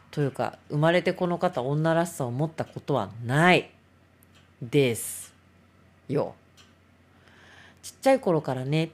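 A woman's voice: low-pitched, darkish tone. A middle-aged woman hosts a casual solo talk show, rambling and self-mocking.

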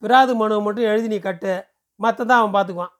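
A man voicing a pushy, smooth-talking male temple ticket seller who lectures briskly and persuasively. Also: high-pitched, natural voice. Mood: brisk lecturing.

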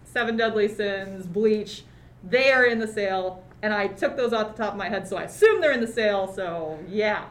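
A woman's voice: medium pitch, moderate pace. A woman giving a casual sales segment on a podcast, upbeat with joking asides. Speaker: merchandiser on the podcast.

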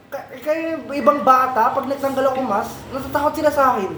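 A man's voice: extremely high pitch, quick pace, background noise. A young man joining a casual group chat, teasing his friends with blunt banter. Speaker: podcast co-host. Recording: echoey room with chatter behind.

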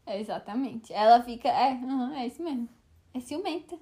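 A young woman co-hosting a casual podcast, telling lively stories and laughing often. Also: a little high, fairly quick, heavy background noise. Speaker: podcast co-host. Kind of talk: casual chat.

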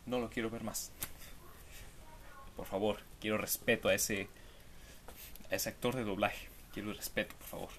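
A man's voice: on the low side, steady tone, moderate pace, long pauses, a bit bright, slight background noise. A man giving casual, jokey commentary to camera, full of rhetorical asides. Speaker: video commentator.

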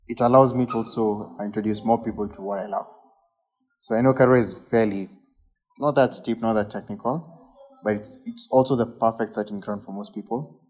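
A man's voice: lowish voice, a little mellow, low-quality recording. A man with a Kenyan accent talking casually as a guest about his riding hobby. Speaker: enduro mountain biker, guest. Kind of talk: casual conversation.

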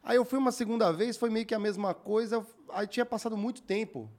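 A young Brazilian podcast host with a Brazilian Portuguese accent casually tells a long everyday story, animatedly acting out other people's lines as he goes. His voice is high and fast.

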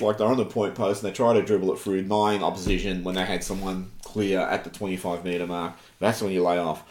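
An Australian man co-hosts a laid-back sports podcast, talking bluntly and rambling with the occasional swear word. His voice is low and slightly mellow, with a reverberant sound.

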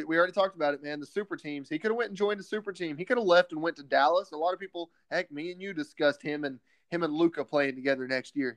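A man co-hosting a casual sports podcast, emphatic and excited, often calling his partner "man". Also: a little high, no echo. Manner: excited and opinionated.

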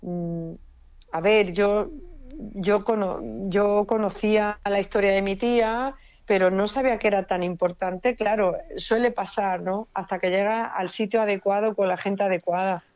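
A woman's voice: medium pitch, steady tone, normal speed, darkish tone, clean tone, no echo, muffled recording. A woman from Spain, a paranormal investigator, telling a personal story with feeling and repeating words for emphasis.

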